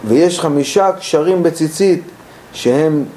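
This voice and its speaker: A man teaching a text, reading it and translating it into halting English line by line. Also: a little high, mellow, poor audio. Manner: halting, repeating phrases while translating. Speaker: Torah teacher.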